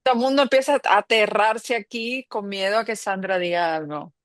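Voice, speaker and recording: A woman with a medium-pitched voice speaks briskly in a dry recording while leading a spiritual group session. She guides a group meditation talk in a reflective, playful way, laughing often.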